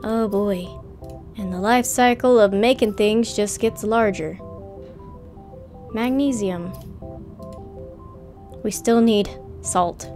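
A woman streamer chatting her way through a game, unhurried and playful. Her voice sits a bit high and she drags her words out slowly. Soft background music plays beneath her. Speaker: gameplay streamer. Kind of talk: casual let's-play commentary.

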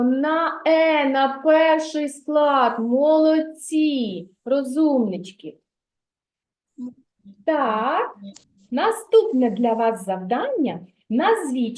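A kindergarten teacher woman leading a literacy lesson, her voice high and her pace slow and deliberate. She is patient and encouraging and praises the little ones often. The sound carries the echo of a roomy classroom.

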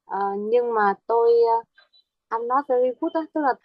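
A woman's voice: on the high side, moderate pace, phone-quality sound, slight background noise. A woman, a student in a casual lesson, asking questions and trying out words hesitantly. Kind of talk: casual tutoring session.

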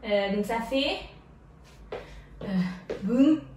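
A woman's voice: fairly high pitch, extremely slow, a little mellow, slight background noise. A young woman teaching a street jazz dance routine, counting beats and making sound effects for the moves. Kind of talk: dance tutorial instruction. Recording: echoey room, voice from far off.

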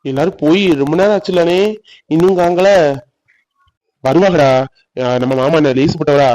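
A man's voice: on the high side, moderate pace, heavy background noise, natural voice. A man voicing a worried, argumentative young village man in a cartoon, insistent. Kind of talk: cartoon voice acting.

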